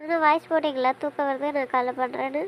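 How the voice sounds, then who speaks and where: A woman's voice: high-pitched, steady tone, quick pace, muffled recording, a little hiss or hum. An actress playing a young wife who pleads emotionally and insistently with her injured husband in an audio drama. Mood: pleading.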